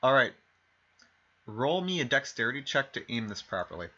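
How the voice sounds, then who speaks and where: Bright-voiced man running a tabletop game. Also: medium pitch, sing-song, moderate pace. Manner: rambling, self-correcting, fillers and restarts. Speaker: game master. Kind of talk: narrating a tabletop game over stream. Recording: dull lo-fi stream mic.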